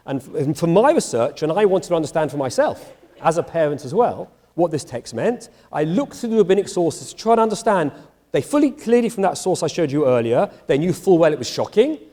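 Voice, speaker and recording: Middle-aged rabbi lecturing, voice jumps all over the place, warm tone, big echoey chapel. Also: male voice, fairly high pitch. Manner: animated, acts out dialogue in voices. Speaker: rabbi giving a public lecture. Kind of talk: lively university lecture. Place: large chapel hall. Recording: long reverb of a large chapel.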